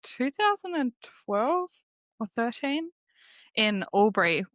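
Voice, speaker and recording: A woman's voice: on the high side, big pitch swings, slow pace, a bit bright, no echo. Woman hosting in a dry space. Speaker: podcast host. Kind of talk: podcast hosting, introduction and casual chat.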